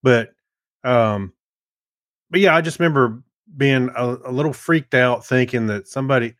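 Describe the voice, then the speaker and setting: A middle-aged man co-hosts a podcast, chatting casually about movies in a hesitant, rambling manner. His mid-range voice is a bit bright and moves at normal speed, recorded with studio quality and no echo.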